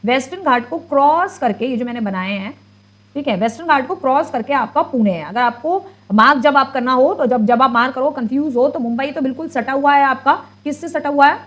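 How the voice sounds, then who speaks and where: A woman in her thirties with an Indian accent, teaching a school geography lesson online, explaining patiently and reading English passages slowly. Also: a little high. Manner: explains patiently, repeats "ठीक है" often, reads English lines slowly. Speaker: social studies teacher.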